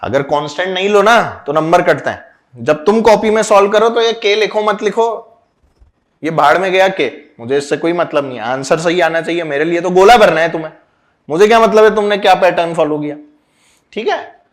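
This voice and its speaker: Brisk and high-voiced, this man lectures a physics class, firing questions at students and scolding them. He's loud and pushy, and he mixes English terms into his teaching.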